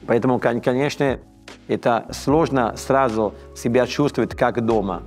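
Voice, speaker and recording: Seated in an armchair on a dim studio set, an Italian chef in his fifties gives a casual interview in Russian, his second language. His medium-pitched, darkish voice is halting, with frequent stammers, restarts and word-searching, over faint music.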